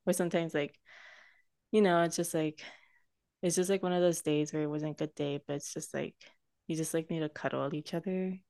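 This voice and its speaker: A woman's voice: low-pitched, steady tone, a little fast, dry recording, clean studio sound. A young woman co-hosting a casual chat podcast, talking in a chatty, easygoing way full of "like" fillers. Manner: chatty, soft-spoken, many "like" fillers. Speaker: podcast co-host.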